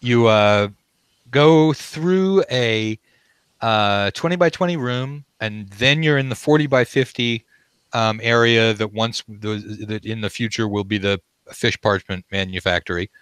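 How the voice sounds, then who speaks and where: A man with a lowish voice narrates a tabletop game as its game master. He feels his way through descriptions, halting to find the word, in a close, dry recording. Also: fairly bright tone, clear, resonant tone, no echo. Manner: halting, searching for words.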